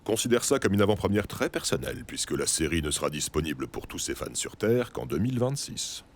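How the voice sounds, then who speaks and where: A man's voice: low voice, sing-song, a little fast, slight background noise. A man playing a jolly old bearded Santa Claus with a sinister streak, theatrical and grandly reassuring, in a French audio drama. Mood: awkwardly coaxing. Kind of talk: scripted French audio fiction acting.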